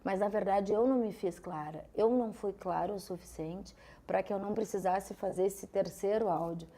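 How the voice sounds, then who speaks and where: Woman guest, warm low-key timbre, reflective and explanatory. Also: moderate pace. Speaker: guest, journalist. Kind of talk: casual podcast chat.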